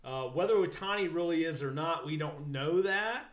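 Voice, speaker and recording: A man's voice: on the high side, expressive, moderate pace. A man co-hosting a casual sports talk show, rambling, swearing and laughing often. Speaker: podcast co-host. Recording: echoey room.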